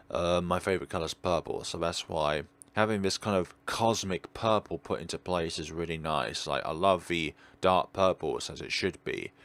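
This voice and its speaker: In this let's play, a man with a low-sitting but fairly bright voice reads a visual novel aloud. He keeps wandering off-script into rambling, digressive commentary.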